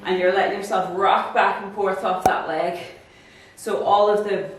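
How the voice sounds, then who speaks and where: A woman's voice: medium pitch, fairly even intonation, moderate pace, a little hiss or hum. A young woman vlogging casually, chatty and full of fillers as she explains a workout move step by step. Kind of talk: casual fitness vlog talk. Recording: echoey room, voice from far off.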